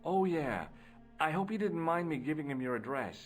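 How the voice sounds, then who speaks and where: A man's voice: a little high, animated, normal speed. Dry sarcastic game hero guy, voice bounces all over, bit of music behind. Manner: dry, sardonic narration. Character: wry adult male amateur sleuth hero. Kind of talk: video game voice acting.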